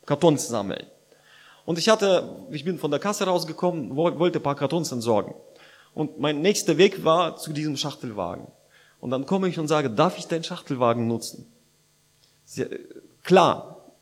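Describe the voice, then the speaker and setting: A man delivers a sermon to his congregation in a loose, conversational way. His voice sits a little high, he fills pauses with hesitations, and his phrasing is slightly unidiomatic. He swells louder when he presses a point. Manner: conversational preaching with many fillers and restarts, growing loud at points. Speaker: preacher.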